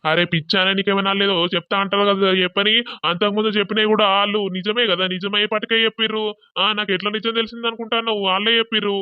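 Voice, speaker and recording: A man's voice: high voice, flat delivery, racing, clear, resonant tone, dry recording, muffled recording, natural voice. A man voicing a shamed, furious village father. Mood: stern scolding. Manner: loud scolding, then wailing despair. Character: angry shamed village father, middle-aged.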